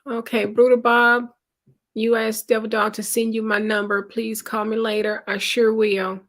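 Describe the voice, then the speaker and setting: A woman hosts a live stream and chats casually with her audience, welcoming people by name as they arrive. Her voice sits a little high, and she takes her time, never rushing a line. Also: little pitch movement. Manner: greets viewers by name, reads chat aloud; unhurried, conversational. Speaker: livestream host.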